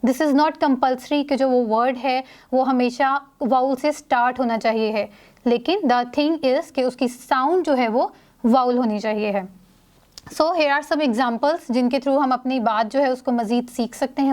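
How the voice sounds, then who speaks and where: A woman teaching a grammar lesson, explaining in Urdu mixed with English terms and reading example sentences slowly. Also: high-pitched.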